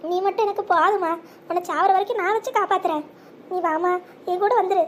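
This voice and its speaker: A voice actor playing a scheming grown daughter who argues and then pleads melodramatically, in a sped-up, pitch-raised cartoon voice. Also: steady tone, brisk, a bit bright, slight background noise. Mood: pleading.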